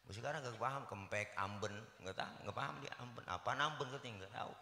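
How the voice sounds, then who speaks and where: Bright preacher in an echoey hall. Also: male voice, mid-range voice, fast, slight background noise. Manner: joking, punchy, playful asides. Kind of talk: comic sermon. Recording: echoey live hall recording.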